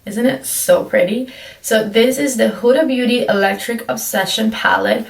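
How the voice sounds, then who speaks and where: A woman's voice: a little high, moderate pace, vocal fry, far from the mic. A young woman talks through her makeup in a chatty, rambling way, her voice still groggy from sleep. She sits back from the mic in a room that rings with echo. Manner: chatty, apologetic, filler-heavy. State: groggy, just woke up. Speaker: beauty vlogger. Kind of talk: casual makeup tutorial.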